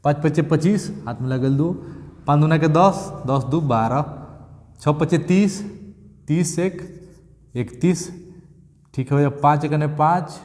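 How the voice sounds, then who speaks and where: A male maths teacher, repeating steps and checking in often with "thik hai" and "clear". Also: on the high side, unhurried, long pauses, darkish tone, big-room sound. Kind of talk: classroom maths lesson.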